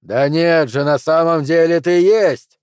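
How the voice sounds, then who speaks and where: Casting note: tense, loud pleading man under threat, voiced by the narrator. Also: fairly high pitch, normal speed, no echo, studio quality, lightly acted. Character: nervous man pleading at gunpoint.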